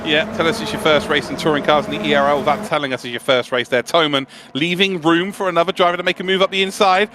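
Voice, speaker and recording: A man's voice: on the high side, steady tone, fast talker, hardly any pauses, background noise. A man giving live motorsport commentary on esports sim racing, analysing in a conversational, enthusiastic way.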